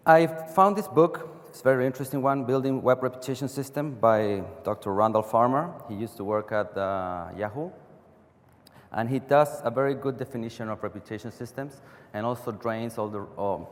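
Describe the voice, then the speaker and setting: A man's voice: medium pitch, normal speed. Chilean man speaking in an echoing hall. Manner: non-native phrasing, frequent restarts, rhetorical "right?". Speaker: conference speaker. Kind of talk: technical conference talk. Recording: long reverb of a large hall.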